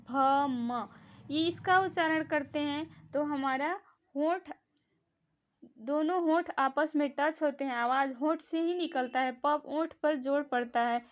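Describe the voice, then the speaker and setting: A woman's voice: high-pitched, fairly even intonation, measured pace. A woman teaching a grammar lesson, patiently repeating each sound aloud for the learner to copy. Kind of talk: classroom-style grammar lesson.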